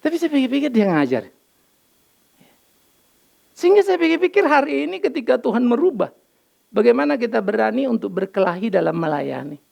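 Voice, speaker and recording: An older man, preaching a sermon as pastor, telling lively stories and acting out dialogue. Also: extremely high pitch, brisk, gravelly, long pauses. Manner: lively storytelling, acts out dialogue, mixes in English phrases. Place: church.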